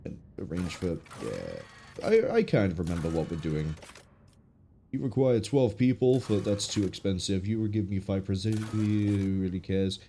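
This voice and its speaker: Congested, low-voiced man streaming a game. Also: very animated, normal speed, warm tone, slight background noise. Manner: musing, thinking aloud. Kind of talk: casual gameplay commentary. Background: game music.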